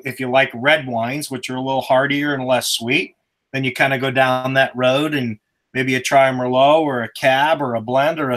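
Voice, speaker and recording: Bright-voiced joking dad on a video call. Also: male voice, mid-range voice. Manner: joking, rambling explanations. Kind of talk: casual chat.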